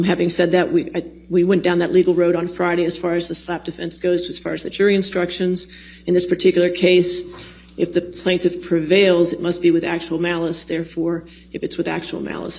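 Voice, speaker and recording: A woman's voice: fairly low pitch, creaky, darkish tone. A woman speaking as a judge, delivering a formal ruling from the bench in a matter-of-fact, procedural way. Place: courtroom.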